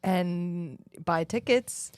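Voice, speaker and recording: A woman's voice: fairly low pitch, very slow, darkish tone, clean tone, no room sound, clean studio sound. A woman co-hosting a comedy podcast, trading playful banter and plugging shows. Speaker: podcast co-host. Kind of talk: casual comedy chat.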